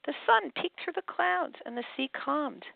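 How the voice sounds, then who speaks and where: An older woman with a gravelly, creaky voice reads a children's book aloud, her pitch leaping up and down. She sounds thin and boxed-in, as if over a phone line, with no room echo at all. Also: normal speed. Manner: animated storybook reading with wide pitch swings. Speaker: author and host. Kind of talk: reading a picture book aloud, then chatting. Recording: tinny phone-like line, dry.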